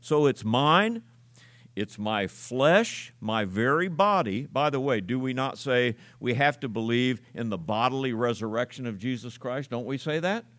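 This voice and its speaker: A man's voice: medium pitch, lively intonation, measured pace, a bit bright, dry recording. An older man preaching a conversational, folksy sermon. He tells stories and repeats key words for emphasis.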